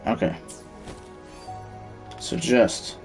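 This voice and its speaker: While streaming a video game, a man talks very slowly in a slightly mellow voice, giving casual live commentary and muttering to himself as he thinks things through. Soft music plays in the background.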